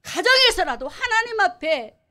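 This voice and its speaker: A woman's voice: extremely high pitch, sing-song, normal speed, bright, forceful tone. A woman pastor preaching a sermon emphatically, asking the congregation questions.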